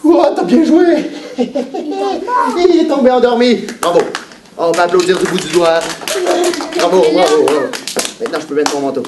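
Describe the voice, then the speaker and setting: An actor with a Québécois accent playing a playful, boastful pirate who talks with the children in a live stage show. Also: male voice, sits high, normal speed, lightly acted. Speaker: children's entertainer. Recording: echoey hall, mic far off, background noise.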